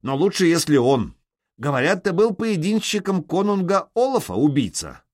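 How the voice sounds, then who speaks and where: A man voicing a sly, scheming warrior who talks quickly in an audiobook. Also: a little high, big pitch swings, darkish tone, no echo, studio quality, pitched above the performer's own voice.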